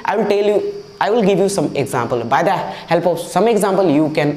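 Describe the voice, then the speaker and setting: A man's voice: high-pitched, lively intonation, drawn-out words, darkish tone. Echoey male teacher drilling pronunciation. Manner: drills pronunciation by repeating words, mixes English into talk; scolding, demanding teacher tone. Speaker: English teacher. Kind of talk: classroom lecture on video.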